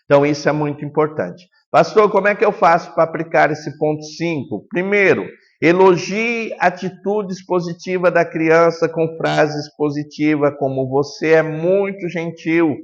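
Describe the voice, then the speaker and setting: A man, a pastor giving a calm, earnest teaching lesson that often sinks to a soft, low tone. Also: moderate pace, long reverb tail, lo-fi sound. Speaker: pastor teaching children's ministry workers.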